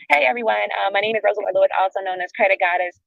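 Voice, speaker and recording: A woman's voice: medium pitch, quick pace, vocal fry, dry recording, narrow, tinny audio. A woman credit consultant speaking on her phone from a car while she drives, giving a loose, chatty outro full of filler "um"s. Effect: speaking from a moving car over a phone. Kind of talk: casual promotional outro on a live audio room.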